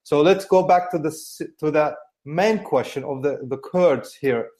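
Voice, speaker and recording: A man from Syria with a Syrian accent, answering interview questions in halting English full of fillers and restarts; Kurdish is his first language. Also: on the high side, warm tone. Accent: Syrian Arabic. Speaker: guest journalist.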